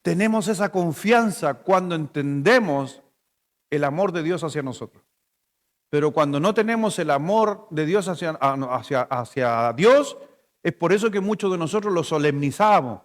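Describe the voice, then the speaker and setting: In a large church hall, a man with a slightly high voice preaches at normal speed to his congregation. The Chilean-accented pastor keeps it playful and conversational, telling stories as he goes.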